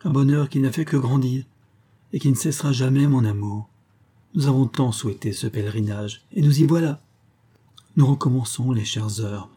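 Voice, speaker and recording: A man voicing a devoted husband who speaks ardently and tenderly, in a gently pleading way. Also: medium pitch, normal speed, husky, natural voice. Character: devoted, anxious husband deeply in love.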